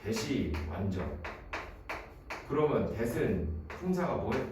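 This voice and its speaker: A man's voice: medium pitch, very animated, takes it slowly. A man teaching an exam-prep English grammar lecture in a classroom, quizzing students by name and using playful memory tricks. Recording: very echoey room, voice from a distance, faint noise.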